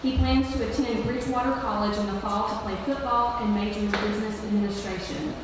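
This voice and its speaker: A woman's voice: medium pitch, fairly even intonation, fairly quick. Heard from far off in a very reverberant space, a woman gives a podium speech. She reads prepared remarks as a presenter at a school awards ceremony. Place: large echoey room at a school ceremony. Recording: echoey hall, distant mic, clear background noise.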